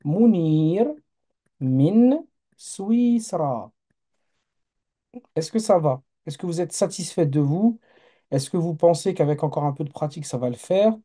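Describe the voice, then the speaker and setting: Patient male teacher, dark mellow tone, runs a live online class and checks on learners. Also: on the high side, brisk, slightly rough. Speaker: Arabic teacher.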